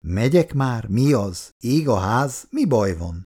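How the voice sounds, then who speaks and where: A man's voice: mid-range voice, very animated, warm tone, husky. A man reading aloud and voicing a wry, grumbling older working-class husband with a dry sense of humor.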